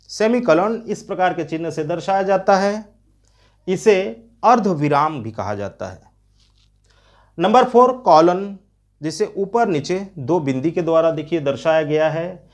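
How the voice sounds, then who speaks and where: An English grammar teacher, giving a video lesson and explaining each term slowly, then repeating it in Hindi and in English. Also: mid-range voice.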